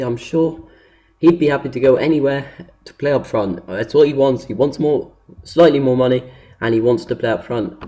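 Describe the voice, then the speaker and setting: Male gaming YouTuber, mellow and dark tone; hesitant, rambling off-the-cuff commentary. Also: mid-range voice. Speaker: gaming video host. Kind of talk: casual unscripted commentary.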